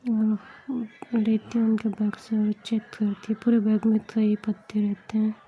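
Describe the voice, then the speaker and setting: A woman narrating a romantic story in a soft, whispered role-play, voicing every character herself. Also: mid-range voice, completely flat delivery, unhurried, a little hiss or hum, poor audio.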